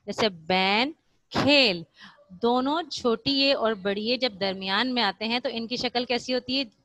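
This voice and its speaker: A woman's voice: a little high, a bit bright. A woman teacher giving a recorded school lesson to young children, patiently repeating points and answering her own questions, slipping in English words. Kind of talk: recorded online class lesson.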